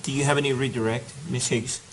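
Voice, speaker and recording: A man presiding as judge, giving calm procedural instructions, heard on a courtroom recording. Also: mid-range voice, fast talker, slight background noise, low-quality recording. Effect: courtroom audio recording. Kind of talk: presiding over a trial.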